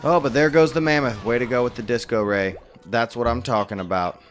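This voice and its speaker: Brief: male esports commentator, mid-range voice, lively play-by-play over soft background music. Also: medium pitch. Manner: upbeat, quick exclamations at plays. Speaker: tournament commentator. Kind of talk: mobile game play-by-play commentary.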